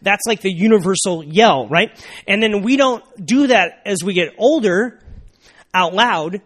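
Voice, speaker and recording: A man's voice: high voice, lively intonation, a little slow, fairly bright tone. A young adult man preaching a sermon to a congregation in a conversational way, often asking the audience "right?" and repeating his key lines. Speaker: pastor.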